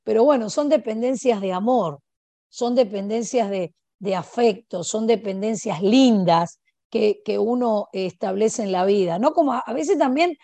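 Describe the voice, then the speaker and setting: A woman's voice: mid-range voice, measured pace, gravelly, dark tone, dry recording. An older woman with an Argentinian accent, preaching an informal sermon in a conversational way and often adding tag questions. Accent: Argentinian Spanish.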